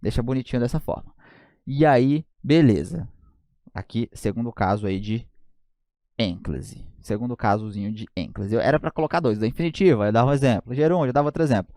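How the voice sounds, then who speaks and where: A man's voice: medium pitch, brisk, dark tone, no echo, clean studio sound. A man with a Brazilian Portuguese accent teaching an online grammar lesson, joking and often checking in with his students.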